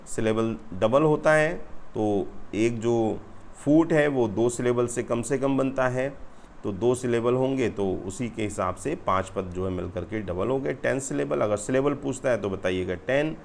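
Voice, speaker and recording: A man giving an exam-prep lecture, explaining patiently, addressing his viewers as friends and slowing down to read questions aloud. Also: mid-range voice. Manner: slows sharply to read English questions aloud. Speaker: teacher.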